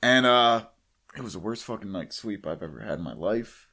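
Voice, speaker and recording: A man's voice: lowish voice, expressive, normal speed, creaky, pushed and bright. A young man hosting a podcast in casual banter. He teases, swears freely and cuts into other people's stories. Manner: teasing, profane, jumps into others' stories.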